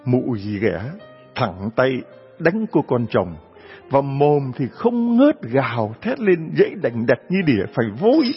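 A man telling a folk tale, with animated delivery and chuckling asides, on a dull lo-fi recording. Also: medium pitch, measured pace, soft background music. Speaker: storyteller.

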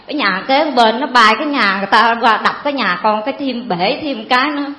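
A woman's voice: fairly high pitch, sharp tone. A woman, giving a rambling, earnest personal testimony to a priest. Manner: rambling, earnest, fills pauses with "cái" and calls the priest "cha". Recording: echoey, dull hall sound.

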